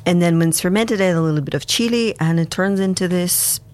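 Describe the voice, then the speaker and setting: A woman from Kazakhstan whose first language is Russian, a guest on a radio show, talking about fermentation with enthusiasm and frequent laughs. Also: on the low side. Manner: warm, enthusiastic, unhurried, laughs often. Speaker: studio guest, fermentation expert. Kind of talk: radio interview.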